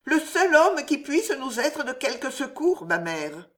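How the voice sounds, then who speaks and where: A woman's voice: sits high, big pitch swings, a little slow, pitched above the performer's own voice. A woman voicing a young girl in love who answers her mother earnestly and shyly, in a read-aloud historical novel.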